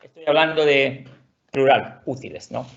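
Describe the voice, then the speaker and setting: Man, online language teacher, patient, repetitive explainer; gravelly, dull lo-fi recording. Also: mid-range voice, normal speed, fairly bright tone. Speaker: Swedish teacher. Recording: dull lo-fi audio.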